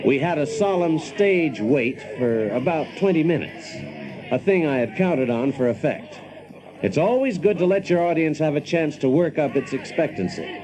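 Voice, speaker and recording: Here the same sort of role appears: a man narrating in the first person as a brash, wry engineer, the protagonist of a radio drama, sounding dry, folksy, wry and pleased with himself. His fairly high voice is expressive and moderately paced, and his delivery feels natural. A crowd can be heard behind him.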